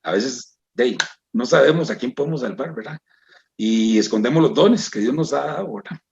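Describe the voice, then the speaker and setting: A man's voice: medium pitch, lively intonation, moderate pace, gravelly, darkish tone, lo-fi sound, slight background noise. A man with a Costa Rican accent giving an emotional personal testimony to a church congregation, often calling out to his brothers and sisters. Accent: Costa Rican Spanish. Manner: emotional, repeats "hermanos" and "¿verdad?".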